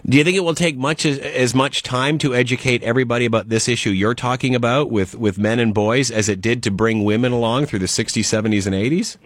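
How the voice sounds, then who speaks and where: A man's voice: mid-range voice, fast talker, few pauses, dry recording. Mid-forties male radio host, dry studio sound. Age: 40s. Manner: conversational, searching for words. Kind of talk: radio interview.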